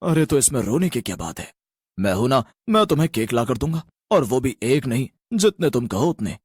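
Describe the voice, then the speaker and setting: A gentle, fatherly cartoon ghost, voiced by a man, kind rather than frightening. His husky voice swoops and lilts with lively pitch. The sound is dry and close, with no room around it. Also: fairly quick, dry recording. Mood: soothing. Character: kind-hearted male ghost who lives in a tree.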